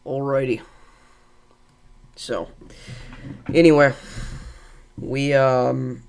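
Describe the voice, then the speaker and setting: A young man with a congested, mid-range voice hosts a live weather stream, rambling casually with many fillers while reading and chatting with viewers. His delivery is flat and smooth, a little mellow, with drawn-out words and vocal fry.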